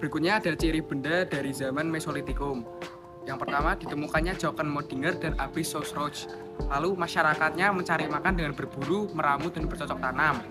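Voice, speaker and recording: A man student reading a history explanation quickly and read-aloud style. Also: on the high side, steady tone. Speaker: student presenter. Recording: loud music under voice. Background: loud background music.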